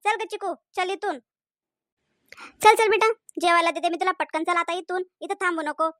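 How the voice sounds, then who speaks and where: A sharp-tongued cartoon granny, voiced by a performer, scolding and sarcastic, pitched lower than the others. Her voice is dry and close to the mic. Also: moderate pace, dry recording. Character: scolding, mocking old grandmother. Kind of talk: cartoon voice acting.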